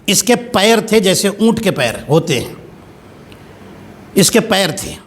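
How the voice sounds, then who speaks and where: A man's voice: sits high, big pitch swings, a little hiss or hum. A man cleric delivering a religious sermon, telling a story dramatically with big swings in voice.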